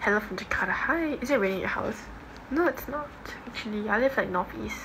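A young Singaporean woman in her bedroom livestreams, reading and answering comments in a casual, offhand way. Her voice is a little high, animated and fairly quick. A phone at arm's length records her, with noticeable room noise.

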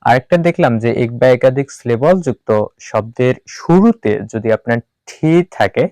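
A man's voice: medium pitch, animated, moderate pace, a little mellow, no echo, low-quality recording. A man teaching an English pronunciation lesson, spelling out letters one by one and repeating each rule for emphasis. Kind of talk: classroom-style lesson.

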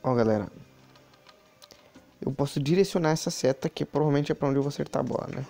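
A man's voice: mid-range voice, fast, creaky, dark tone, soft background music. A man giving chatty, casual commentary while playing a mobile game, talking to his viewers with many asides. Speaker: mobile game channel host.

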